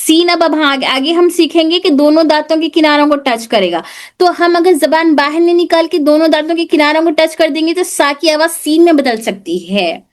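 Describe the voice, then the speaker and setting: A woman teaching an online tajweed class in a high voice. She explains where each letter is formed and repeats the sounds slowly for her students. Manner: demonstrates letter sounds repeatedly, explains patiently with English loanwords.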